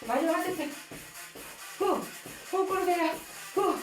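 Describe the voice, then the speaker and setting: High-pitched woman counting out workout reps. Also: a little slow. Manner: counts reps aloud with short, clipped commands; audible exhaling between counts. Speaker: home workout instructor. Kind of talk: workout coaching with rep counting. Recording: roomy echo with music behind. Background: music.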